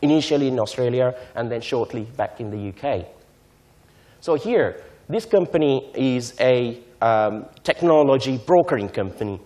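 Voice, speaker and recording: A man, lecturing to a conference audience in a mellow voice of middle pitch. He explains things step by step and keeps checking in with his listeners. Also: lively intonation. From Sri Lanka. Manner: measured, explanatory, often checks in with "right?". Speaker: invited speaker on technology transfer.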